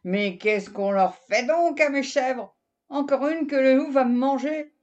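A woman's voice: mid-range voice, sing-song, measured pace, warm tone. Woman doing a fretful old farmer. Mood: alarmed. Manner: fretful, exclaiming, pleading. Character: worried kindly old farmer man. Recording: dull lo-fi recording.

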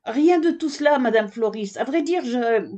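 A woman's voice: a little high, expressive, moderate pace, mellow, pitched above the performer's own voice. A woman voicing a polite, distinguished male camel who stammers when cornered, in a children's storybook. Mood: flustered. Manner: hesitant, stammering.

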